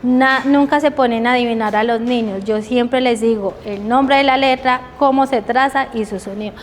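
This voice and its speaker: A woman leads a teacher training session, slowly modeling letter sounds and asking the group check questions. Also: on the high side, fairly even intonation. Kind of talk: training workshop lecture. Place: training room. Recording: reverberant hall with faint background noise.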